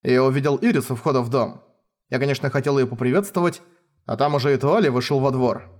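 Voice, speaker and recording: A man playing a smooth, smiling young king. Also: medium pitch, fast talker, darkish tone, natural voice. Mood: innocent. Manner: polite, unruffled, teasing. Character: calm, sly young male king, always smiling.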